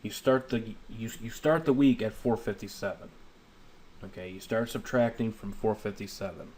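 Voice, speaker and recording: In a noisy homemade voice-over, a man in his thirties teaches an informal Bible lesson with scripture reading, plainspoken and step by step, regularly checking understanding. His lowish voice is steady, slightly mellow and a little rough, at normal speed.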